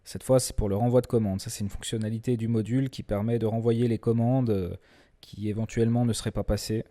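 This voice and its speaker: Man, tutorial presenter, low pitch, warm dark tone, relaxed, hesitant, gently joking. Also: fast. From France. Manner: relaxed, chatty, frequent hesitations and restarts; self-deprecating humor. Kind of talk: screen-recorded software tutorial.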